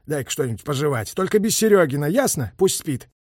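A stern army major giving orders in a measured, steady way, as a male narrator puts him on. The voice sits high for a man, a little husky, and dry. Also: no room sound. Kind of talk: audiobook character voice.

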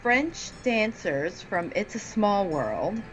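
A woman co-hosting a podcast, relaxed and casual, mostly chiming in with brief agreements. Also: mid-range voice, takes it slowly, faint music behind, rough recording. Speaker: podcast co-host. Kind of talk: casual chat.

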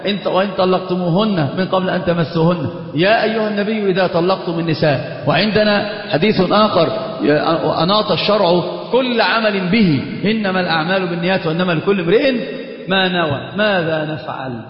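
A man teaching a religious lesson on jurisprudence, lively, quizzing his students. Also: sits high. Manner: lively, quick, asks students questions; mixes Egyptian colloquial Arabic into classical. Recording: echoey hall, dull lo-fi sound.

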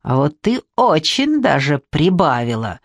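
A storyteller voicing a shrill, touchy, unkempt man with a high squealing voice, indignant and self-pitying. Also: animated, a little slow, dry recording.

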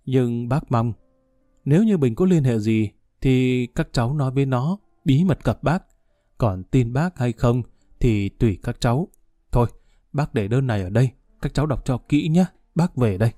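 A man's voice: medium pitch, lively intonation, dark tone, no echo, clean studio sound, lightly acted. A man playing a stubborn old lawyer. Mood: knowing. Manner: measured, fatherly, defiant. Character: older male lawyer, stubborn and defiant.

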